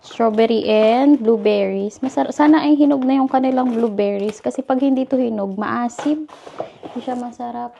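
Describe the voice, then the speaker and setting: A woman from the Philippines vlogs from her home kitchen, chatting casually to camera as she cooks and often calling viewers "guys." Her Filipino-accented voice is fairly high and mellow with vocal fry, at a moderate pace. The audio is dull, with slight background noise.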